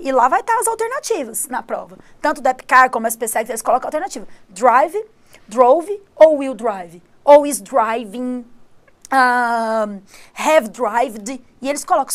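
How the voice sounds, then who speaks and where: A woman English teacher whose first language is Portuguese, giving a lively live-streamed exam-prep lesson and saying English examples slowly. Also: high voice. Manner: lively, explains patiently, switches between Portuguese and slow English examples.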